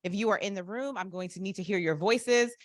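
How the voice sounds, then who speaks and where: A woman's voice: mid-range voice, a little fast, dry recording, studio quality. Upbeat woman leading a live workshop. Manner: upbeat, engaging, asks the audience questions. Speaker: workshop presenter. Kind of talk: interactive live workshop talk. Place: conference room with live and online audience.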